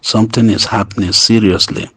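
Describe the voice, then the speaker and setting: A man speaking in a voice message played back to listeners, urging a group to stay calm in a halting way, restarting his phrases. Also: lowish voice. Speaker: group leader addressing members. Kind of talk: voice note update to a group.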